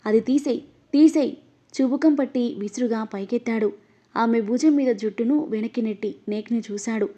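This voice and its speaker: A woman reading an emotional novel aloud as narrator, voicing every character herself and getting louder in the angry lines. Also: fairly high pitch, fairly quick. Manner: reads all the characters, her voice rising louder in angry lines. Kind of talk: scripted story narration. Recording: dull, lo-fi audio.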